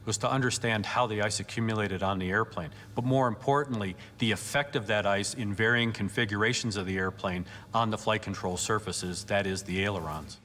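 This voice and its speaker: A man giving measured, technical explanations as an expert in a documentary interview. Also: on the low side, fairly bright tone, slight background noise. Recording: long reverb, music underneath.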